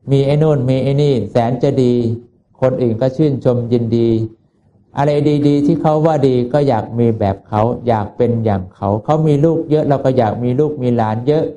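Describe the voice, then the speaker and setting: A man with a mellow, warm voice preaches a Buddhist sermon. He talks to his listeners in a folksy, conversational way and often asks them rhetorical questions. His pitch sits in an ordinary middle range for a man.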